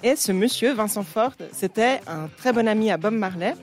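A woman, telling the story behind a song in a lively way in her radio music segment. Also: mid-range voice, normal speed. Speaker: radio columnist. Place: radio studio.

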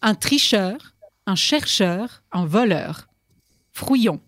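A woman with a somewhat high voice runs a radio quiz, playful and teasing, laughing easily as she reads out the options. Her voice sits close and dry, with no room sound around it. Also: animated, normal speed, no echo. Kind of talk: lively quiz hosting on radio. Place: radio studio.

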